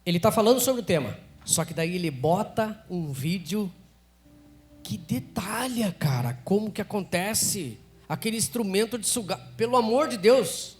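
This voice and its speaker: A Brazilian man teaching public speaking live to an event audience, energetic, constantly quizzing the room. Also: high voice.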